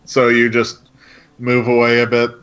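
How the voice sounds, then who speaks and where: A man's voice: medium pitch, completely flat delivery, measured pace, a bit bright, clean tone. A man narrating a tabletop game as game master, laying out each scene step by step in an easygoing way. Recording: dull lo-fi stream audio with faint music.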